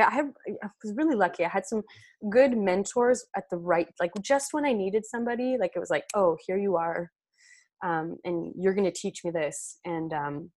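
A French Canadian woman whose first language is French chats casually as a guest on a podcast, full of fillers and restarts. Her voice is lowish with a darkish tone, and the recording is dry.

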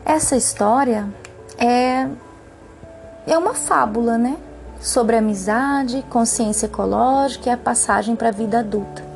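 A woman reading a children's story aloud in calm, measured narration, then commenting on it. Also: a little high, gravelly.

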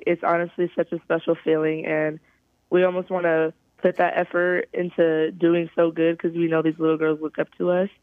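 A young woman from California, a college softball player, giving halting, thoughtful interview answers over a phone call. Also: fairly low pitch, no room sound. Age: young adult. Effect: heard over a phone call. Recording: tinny, dry phone line.

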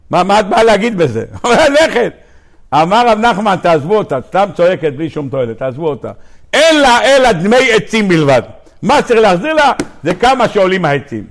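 A man, a rabbi, gives a Torah lecture to his congregation, animated, asking questions and acting out the quotes. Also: on the high side, vocal fry. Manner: animated storyteller who acts out quotes and asks the audience questions. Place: synagogue lecture hall.

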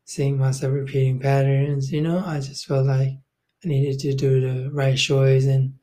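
A young man from Thailand, guesting on a podcast, gives a loose, easygoing interview full of fillers and restarts. His medium-pitched voice is mellow and level, and his pace is measured.

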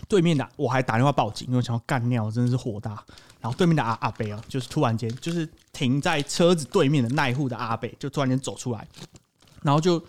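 A young man with a Taiwanese Mandarin accent hosting a podcast, telling stories in casual chat full of swearing. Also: mid-range voice. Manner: profane, animated storytelling. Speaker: podcast host.

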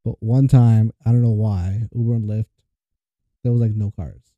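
A man co-hosting a podcast, telling quick, chatty anecdotes in casual conversation. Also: on the low side, steady tone, no room sound, narrow, tinny audio. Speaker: podcast co-host.

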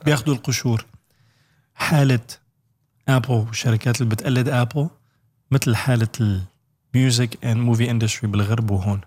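Man, casual chat, husky voice, rapid short remarks. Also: mid-range voice, steady tone, a little mellow. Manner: short interjections and quick asides.

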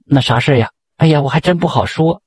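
A man voicing a gentle, kind-hearted poor village wife in a folk tale, with a husky voice. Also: fairly high pitch, fast, no echo, studio quality.

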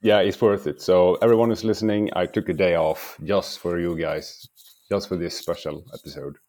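A man guesting on a podcast, talking casually in a subdued, rambling, halting and profane way. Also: low voice, steady tone, a little mellow. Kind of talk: casual chat.

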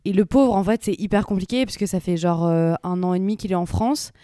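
A young woman chatting casually with a friend, telling lively slangy stories about her coworkers. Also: medium pitch, a little fast, no echo, clean studio sound. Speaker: office worker. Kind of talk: casual chat between friends.

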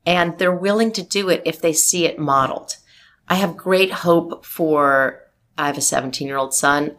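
A marketing executive in her forties speaks emphatically, outspokenly and optimistically in an interview conversation. Her voice is deep, with a slightly bright quality.

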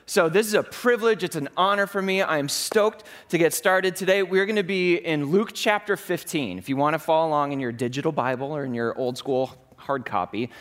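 A man's voice: a little high, fairly bright tone. A man in his thirties giving a conversational, enthusiastic sermon as a pastor.

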